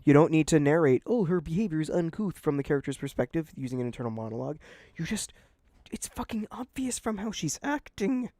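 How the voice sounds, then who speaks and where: A man's voice: on the high side, animated, brisk, darkish tone, no room sound. A man hosting a casual podcast chat and reading aloud, blunt and swearing a lot. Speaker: podcast host.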